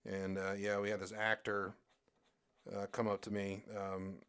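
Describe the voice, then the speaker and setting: A man's voice: fairly low pitch, monotone, measured pace, a bit bright, clear, resonant tone. A young man chatting casually on a live stream while he draws, rambling with lots of fillers and restarts. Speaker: streamer and artist.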